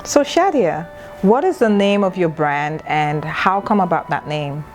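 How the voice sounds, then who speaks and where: A woman's voice: fairly low pitch, animated, a little slow, faint music behind. A woman hosting a TV fashion interview, asking brief upbeat questions. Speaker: show host.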